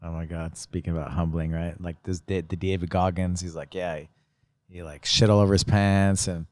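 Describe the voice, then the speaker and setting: A man hosting a casual interview, rambling and halting with many fillers. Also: deep voice, flat delivery, darkish tone, no room sound. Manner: rambling, halting, full of "you know" and "like". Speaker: podcast host.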